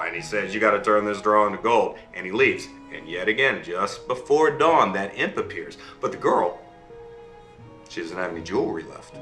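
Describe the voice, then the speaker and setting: A man's voice: lowish voice, bright, forceful tone, echoey room, full character voice. A man telling a fairy tale to his child over a video call, voicing the characters and checking in with okay and right. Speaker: father telling a bedtime story.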